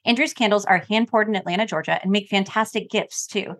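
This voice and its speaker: A woman co-host of a podcast, reading an ad and chatting casually, playful and quick to laugh. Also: medium pitch, fairly bright tone. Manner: laughs often, playful and teasing. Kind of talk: casual chat and read ad.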